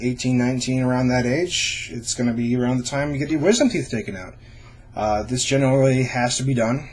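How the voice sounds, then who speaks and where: A man's voice: medium pitch, darkish tone. A young adult man talking informally and reassuringly to camera, explaining things in a casual vlog style. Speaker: vlogger sharing own surgery experience.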